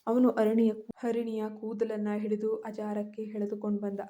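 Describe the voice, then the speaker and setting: A woman narrating a scripted family drama story in a steady reading voice. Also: mid-range voice, normal speed.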